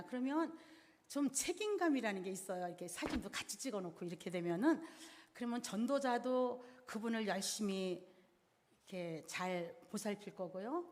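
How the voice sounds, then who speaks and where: A middle-aged woman giving a church seminar, explaining each step plainly and in order. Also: medium pitch. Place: church hall. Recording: reverberant hall sound.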